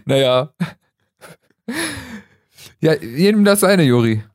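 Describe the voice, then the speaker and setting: A young man co-hosts a relaxed podcast conversation, cracking sarcastic jokes and laughing between his lines. His voice sits in a middle range and is recorded dry, with no room sound around it. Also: mid-range voice, slow pace, no room sound. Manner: laughing often, joking, sarcastic. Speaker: podcast co-host. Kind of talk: casual chat.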